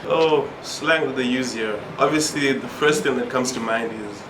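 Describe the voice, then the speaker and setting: A man's voice: medium pitch, moderate pace, background noise. A man, an international student, thoughtfully explaining how he adapted to local customs. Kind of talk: documentary interview. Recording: echoey room with music.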